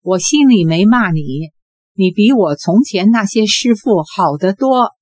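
A woman's voice: mid-range voice, lively intonation, a little slow, a little mellow, no echo. A woman voicing a cheeky, glib teenage boy in an audiobook, in a playful, wheedling manner. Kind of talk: audiobook character voice.

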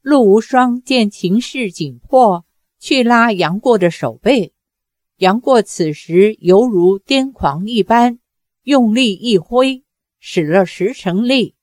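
A woman narrating a martial arts novel as an audiobook in a steady, measured storytelling manner. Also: on the high side, no room sound, studio quality.

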